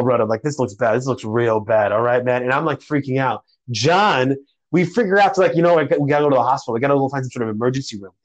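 A young man telling a story in a casual podcast chat, animated and slangy, calling people bro and dude. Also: on the high side, rough recording.

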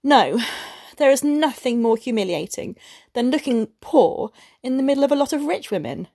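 A woman's voice: high voice, expressive, normal speed, dark tone, pitched above the performer's own voice. A woman reader voicing a discontented young wife who speaks resentfully and impatiently.

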